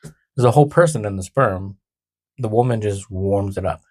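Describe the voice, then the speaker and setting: A man's voice: fairly low pitch, normal speed, darkish tone, no room sound, clean studio sound. A man co-hosting a casual podcast, explaining the topic with laughs and playful jokes. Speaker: podcast co-host.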